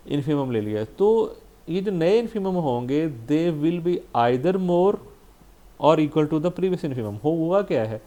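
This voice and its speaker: Mellow-voiced man lecturing on math. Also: on the high side. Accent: Pakistani Urdu. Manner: explains step by step, frequent "theek hai ji" checks; mixes English math terms into Hindustani. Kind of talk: recorded lecture.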